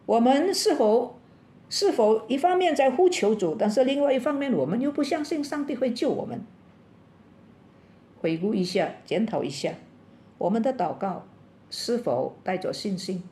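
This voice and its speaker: In a church meeting room, a woman addresses a women's fellowship with a bilingual sermon, taking her time as she tells an illustrative story. Her delivery is lively, and she raises her pitch to mimic the characters' cries.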